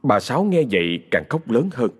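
A man with a Southern Vietnamese accent narrating a ghost story in a dramatic, expressive way. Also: mid-range voice, normal speed, slightly rough.

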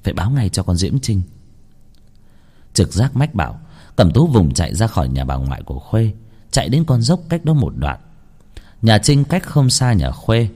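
Guy narrating a spooky ghost story, lowish voice that swings all over, slow and dramatic. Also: slightly rough. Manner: slow, dramatic, expressive reading.

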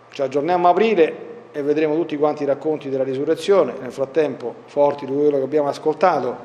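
A man's voice: fairly high pitch, a little mellow, slight background noise. A male priest giving a conversational Bible teaching talk, explaining details and asking his listeners along the way. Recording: long hall reverb.

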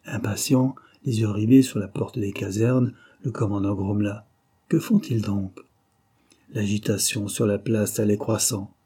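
Low, husky male audiobook narrator. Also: dark tone. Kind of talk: scripted narration of a novel.

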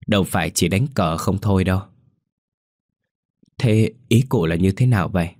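A man puts on a gruff old ghost who keeps a graveyard, scolding and coarse, mocking the boy he scares. The voice sits very low and sounds close and dry, as if read for an audio ghost story. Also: darkish tone, no room sound.

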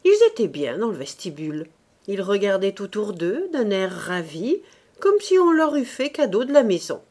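A woman narrating a classic novel as an audiobook reader, with expressive, varied intonation. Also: mid-range voice, moderate pace.

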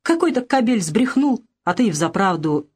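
A woman's voice: medium pitch, sing-song, moderate pace, breathy edge. A woman voicing a defiant young peasant wife. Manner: sharp, defiant retorts. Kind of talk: audiobook character voice.

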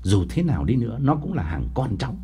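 A man's voice: medium pitch, sing-song, fast talker, dark tone, breathy edge. A man playing a blunt, stubborn older father who speaks firmly and straightforwardly. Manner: firm, straightforward insisting.

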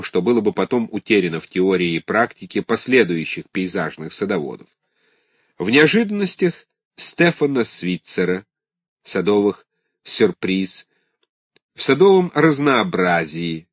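Low-voiced man reading a scholarly book. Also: husky, no echo, studio quality. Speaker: audiobook narrator. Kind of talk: reading a scholarly text aloud.

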